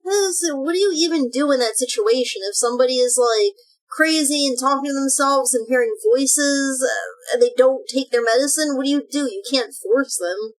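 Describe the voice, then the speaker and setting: A woman streamer with a high, girlish voice in the cute anime style. She talks casually, as if chatting while reacting to a video. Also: normal speed, poor audio.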